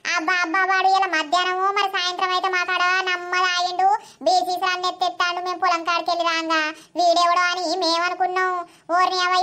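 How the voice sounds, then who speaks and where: A woman's voice: very high-pitched, pushed and bright. A woman playing a nosy, scolding village busybody. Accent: Telangana Telugu. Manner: scolding, prying. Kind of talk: cartoon voice acting.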